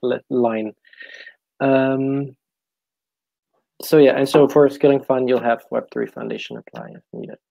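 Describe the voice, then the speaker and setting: A man's voice: mid-range voice, lively intonation, a little slow, creaky, long pauses, warm tone, dry recording. A man leading an online team meeting, working through agenda items with short checks. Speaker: meeting facilitator. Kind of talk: casual meeting talk. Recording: dry, dull lo-fi call audio.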